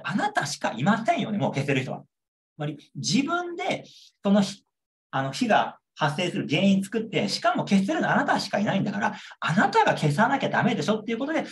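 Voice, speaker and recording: A man's voice: high voice, wildly swooping pitch, fast. A young man lecturing on a model exam answer, repeating key points and checking understanding with rhetorical questions.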